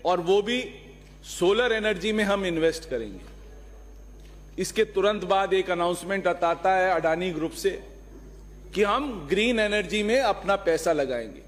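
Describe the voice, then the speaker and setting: Male lawmaker, high voice, combative floor speech with rhetorical questions, long hall reverb. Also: fairly bright tone. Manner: argumentative, rhetorical questions, mixes in English phrases. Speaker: legislator. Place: legislative assembly hall.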